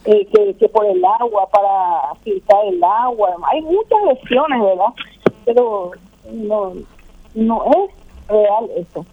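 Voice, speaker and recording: A woman's voice: mid-range voice, expressive, takes it slowly. An older woman, a gastronomy researcher and teacher, rambling and repeating herself in a casual phone interview. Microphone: telephone. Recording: tinny phone line.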